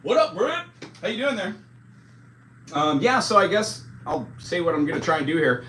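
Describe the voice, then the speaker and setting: This forty-something music teacher rambles casually during a live stream, self-deprecating and heavy on fillers. His voice sits high, sing-song, pushed and bright, at a moderate pace. Expect roomy echo from a distant mic, music beneath him, and faint hiss or hum.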